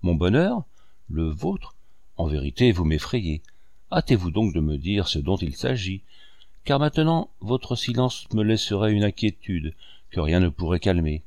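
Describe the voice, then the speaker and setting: A man voicing a playful, teasing young woman in a storybook reading, speaking in his own low voice. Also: very animated, a little slow, darkish tone, no echo, studio quality, full character voice. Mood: mocking.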